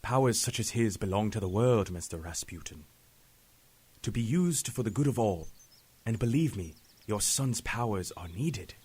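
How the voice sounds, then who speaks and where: A man playing a calm, high-minded mentor professor in an audio drama, formal, measured and persuasive. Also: slightly rough.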